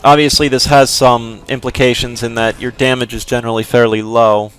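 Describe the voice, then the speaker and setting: Here a gameplay commentator explains his moves in a loose, rambling way, padding his speech with fillers and hedges. His medium-pitched voice barely moves in pitch, and he speaks briskly with a clean, slightly bright tone.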